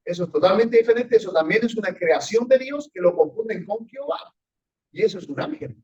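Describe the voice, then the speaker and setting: A man's voice: high voice, animated, a little fast, a little mellow, slightly rough. A man teaching a Bible class as a pastor, emphatic and often questioning his listeners. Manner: emphatic, asks the audience often, rising and falling sharply. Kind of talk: sermon-style Bible teaching with congregation questions. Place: church meeting room. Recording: dull lo-fi church recording.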